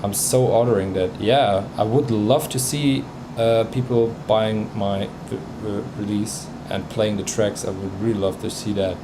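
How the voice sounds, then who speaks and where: A livestream host whose first language is Bosnian reviews music tracks, chatting casually, hesitating and filling his speech with fillers and restarts. His lowish voice is fairly even in intonation, with a measured pace and few pauses, and there's background noise.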